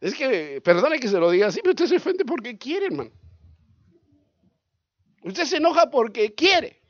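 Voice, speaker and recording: A male pastor, preaching a sermon in an animated way, asking questions and acting out scenes. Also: extremely high pitch, normal speed, no echo, highs cut off. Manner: animated, asks the congregation questions, acts out scenes.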